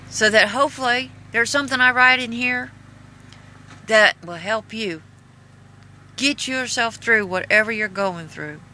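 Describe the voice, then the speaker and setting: A woman with a folksy Appalachian hillbilly twang and a very bright, forceful voice. She reads aloud casually in a halting, earnest manner, breaking off for spoken asides. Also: medium pitch, slight background noise. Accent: Appalachian-style hillbilly twang. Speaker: video host and author reading own memoir.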